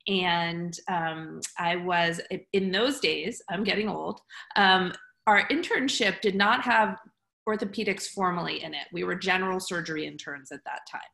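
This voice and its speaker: A middle-aged woman guest tells a story in a frank, chatty way, dotted with ums. Her voice is bright and forward. The sound is roomy and echoey. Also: on the low side, moderate pace, vocal fry. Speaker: guest surgeon. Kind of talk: storytelling in an interview. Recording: roomy echo.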